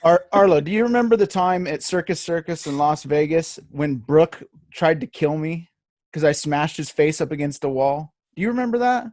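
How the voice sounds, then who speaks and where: A man's voice: fairly high pitch, animated, normal speed, a little mellow, no room sound, clean studio sound. A man in his thirties, a podcast co-host telling rambling, profane stories in casual chat. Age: 30s.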